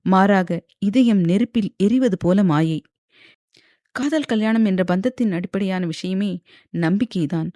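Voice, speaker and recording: A woman's voice: medium pitch, measured pace, dry recording, clean studio sound. Woman narrating a romance audiobook. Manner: steady storytelling. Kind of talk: scripted narration.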